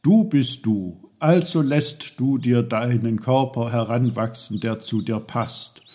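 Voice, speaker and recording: A man voicing a tiny, fussy magical old man who explains things briskly. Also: mid-range voice, warm tone, natural voice. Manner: bossy, brisk, knowing.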